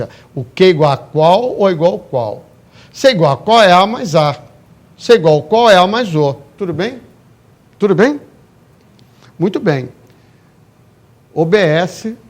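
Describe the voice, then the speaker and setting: A man with a high voice leads a live grammar class in a classroom. He explains each rule step by step, stresses the key points and keeps checking that the class follows along. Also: breathy edge. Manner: emphatic, explains step by step with frequent check-in questions. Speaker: Portuguese grammar teacher. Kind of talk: live exam-prep class lecture. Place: classroom, also streamed online.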